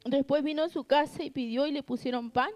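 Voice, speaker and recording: A woman's voice: high-pitched, steady tone, fairly quick, a little mellow. A woman preaching a sermon, earnest, reading scripture and asking the congregation rhetorical questions. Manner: reads scripture aloud between remarks.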